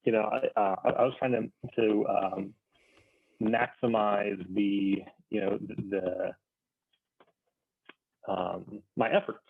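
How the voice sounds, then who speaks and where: A man telling a casual, self-deprecating story among friends in a halting, wry manner. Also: on the low side, steady tone, creaky, slightly rough. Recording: thin phone-like call, muffled.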